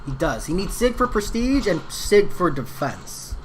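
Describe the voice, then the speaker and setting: A male game streamer talks casually to his live chat while he plays. His voice swings widely up and down in pitch, and his delivery is slangy and relaxed. He answers viewers by name in easy, offhand chatter. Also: unhurried, faint music behind.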